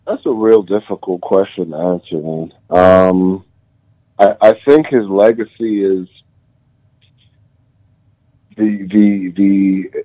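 A man's voice: sits low, no echo. A man reflecting on a late friend's legacy on a call, hesitant with many fillers. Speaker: friend sharing memories on a call. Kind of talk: casual conversation. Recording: muffled lo-fi call audio.

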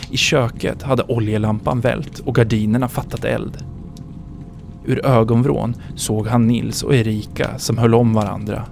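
A man hosting a podcast, narrating a story in a measured dramatic manner. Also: medium pitch, creaky.

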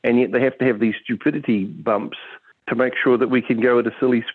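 A man's voice: mid-range voice, steady tone, fast, husky, no echo. Guy phoning a talk show, thin phone sound, opinionated, stop-start emphatic phrases. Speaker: phone-in caller. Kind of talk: casual opinionated chat. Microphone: telephone. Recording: tinny narrow phone line.

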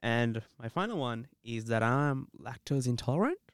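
A man's voice: mid-range voice, moderate pace, smooth, no echo, clean studio sound. A young man from Sri Lanka, a university student, chatting casually and rambling a little during a party game with friends. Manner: relaxed, rambling with fillers.

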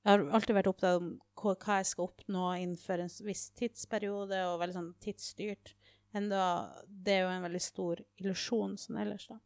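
A woman in casual chat, telling a lively personal story and quoting herself along the way. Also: medium pitch, no echo. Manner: animated storytelling, switches to English when quoting herself.

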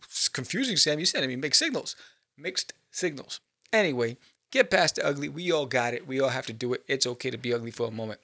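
A man hosting his own show, giving casual advice to viewers in a playful, animated way and often checking in with "right?". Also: medium pitch, fast talker. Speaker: podcast host and comic artist. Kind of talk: casual solo talk to viewers.

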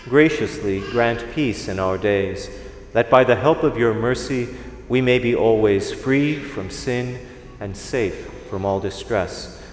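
A man, a priest leading Mass, reciting liturgical prayers in a solemn, measured way, heard with a cathedral echo. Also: mid-range voice. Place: large church. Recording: long church reverb, faint hiss.

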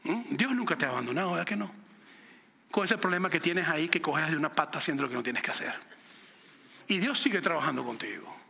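A man's voice: on the high side, animated, fast, creaky, sharp tone, big-room sound. A man preaching a sermon as a pastor, passionate and acting out conversations. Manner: passionate preaching, acts out dialogues.

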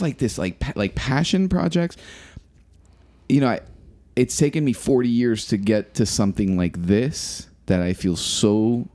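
Low, mellow middle-aged man on a podcast. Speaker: podcast co-host. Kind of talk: casual podcast chat.

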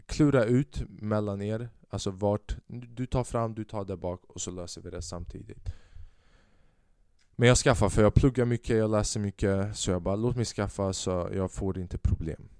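A young man hosts his own podcast, spinning a loose, rambling comic story and acting out the voices of the people in it. His voice sits low and sounds dark and mellow. The recording is dry, with no room sound. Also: steady tone, smooth, no room sound. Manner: rambling storyteller, acts out quotes, swears casually. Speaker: podcast host. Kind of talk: casual comedic monologue.

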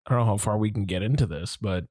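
Male podcast co-host, casual and animated, incredulous rises, dry close sound. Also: lowish voice, fast talker, no echo. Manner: animated, swearing, rising into incredulous questions. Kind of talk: casual chat.

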